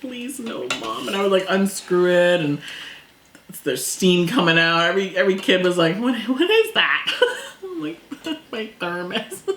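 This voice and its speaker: A woman chatting casually over a meal, talkative and quick to laugh, acting out things people said. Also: medium pitch, big pitch swings, fairly bright tone. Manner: chatty, laughs often, acts out past quotes. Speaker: co-host. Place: indoors at a table. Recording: echoey room, faint noise.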